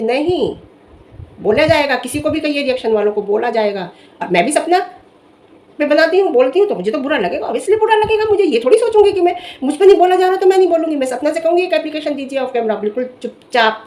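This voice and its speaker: Animated scolding woman vlogger. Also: high voice. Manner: scolding, emphatic, animated rant. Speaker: vlogger reviewing social media drama. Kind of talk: direct-to-camera commentary.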